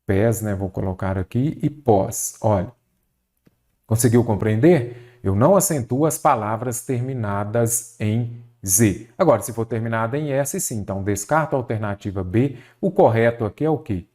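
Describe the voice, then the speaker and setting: A man's voice: on the low side, normal speed, a little mellow. Didactic male grammar teacher. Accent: Brazilian Portuguese. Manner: didactic, asks rhetorical questions and answers them. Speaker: Portuguese teacher. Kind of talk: online exam-prep lesson.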